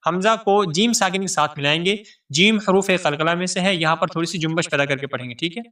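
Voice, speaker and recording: A man teaching tajweed, chanting verses slowly and melodically and explaining the rules quickly and plainly. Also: sits high, bright, forceful tone, distant mic. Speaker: Quran recitation teacher. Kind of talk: tajweed lesson with recitation.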